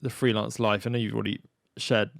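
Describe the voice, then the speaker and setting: A man hosting a podcast in a relaxed, rambling way, full of "like" and "you know". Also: on the low side, fast, creaky, no echo, clean studio sound. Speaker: podcast host. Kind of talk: casual conversation.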